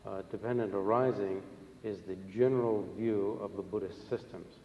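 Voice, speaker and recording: Dark, low-voiced male interpreter in echoey hall. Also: steady tone. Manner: measured, formal, pausing between short phrases. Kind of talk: consecutive interpreting of a religious teaching. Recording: echoey hall, long reverb, faint noise.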